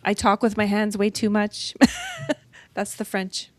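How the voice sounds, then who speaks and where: Appearing as a guest author in an interview, a middle-aged woman from northern Ontario, Canada, is chatty and cheerful and laughs easily. She speaks slowly in a level, medium-pitched voice on a dry recording.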